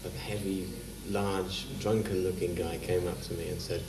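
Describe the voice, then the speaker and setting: Deep, flat-voiced man. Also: background noise. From France, raised in England. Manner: calm, hesitant, many pauses and fillers. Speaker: street performer interviewed. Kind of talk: TV interview. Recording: roomy echo, distant mic.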